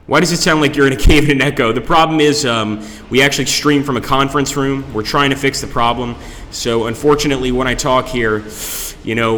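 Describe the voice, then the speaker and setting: A man with a bright, forceful voice gives excitable running commentary as he plays, cursing at setbacks. He streams from a conference room, and a long reverb gives everything he says a cave-like echo. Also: medium pitch. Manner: chatty, excitable, swears at setbacks. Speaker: livestreamer. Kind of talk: live gameplay commentary.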